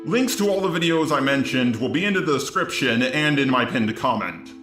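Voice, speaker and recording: Here a text-to-speech robot voice, male and medium in pitch, hosts a channel with scripted commentary at a moderate pace. It sounds expressive yet mechanical and evenly scripted, with reverberation and music playing behind it.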